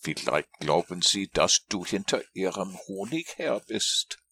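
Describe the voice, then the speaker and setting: A man voicing a calm, kindly small boy in a storybook read-aloud, plain and matter-of-fact. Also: sits low, measured pace, breathy edge, dry recording, exaggerated voice.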